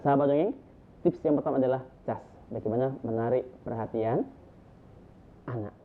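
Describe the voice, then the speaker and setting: A man gives a storytelling lesson, stressing each point with lively, climbing emphasis. His voice sits at a middle pitch. The recording is thin and tinny, like a phone line. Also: moderate pace, slight background noise. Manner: lively, emphatic, lists points with rising energy. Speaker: storytelling teacher. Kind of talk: instructional talk to storytellers.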